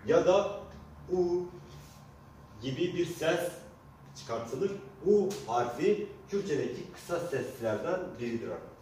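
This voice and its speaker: A man giving a language lesson, slowly spelling out letters and repeating example words for his listeners. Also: on the high side, a little mellow. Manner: slow, deliberate, repeats example words and addresses listeners often. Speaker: Kurdish language teacher. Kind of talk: alphabet lesson for Turkish speakers. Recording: very echoey, distant mic, faint noise.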